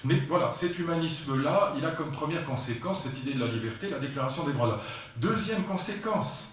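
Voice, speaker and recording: A little high-pitched and lively in intonation, a French man in his sixties speaks slightly fast during a public lecture on philosophy, digressing, emphasizing, and turning to the audience with asides. A bit of hiss or hum sits under the sound, which is captured distantly in a very echoey lecture hall.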